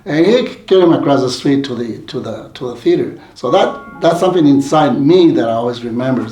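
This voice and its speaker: A man's voice: medium pitch, lively intonation, fairly quick, warm tone, soft background music. A man from Mexico telling his life story in an interview, rambling with many restarts and fillers. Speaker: community leader guest. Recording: roomy echoey sound.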